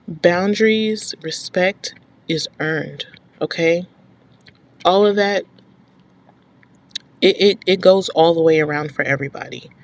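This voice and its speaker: A woman vlogger talking straight to her viewers with firm advice, stressing and repeating her points and checking in with "okay?". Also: deep voice. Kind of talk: direct-to-camera advice talk.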